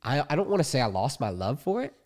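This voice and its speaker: Young man, podcast host, congested, hesitant, many fillers, mid pitch. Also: sing-song, quick pace, a little mellow. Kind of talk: casual podcast chat.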